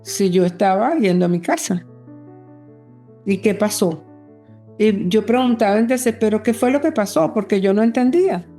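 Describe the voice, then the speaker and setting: An earnest woman speaks as an interview guest, telling her story with feeling. Her voice is mellow and warm at a mid pitch, and she often slips into the remembered words of others as she goes. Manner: earnest and emotional, reenacting remembered dialogue. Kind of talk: personal testimony in an interview.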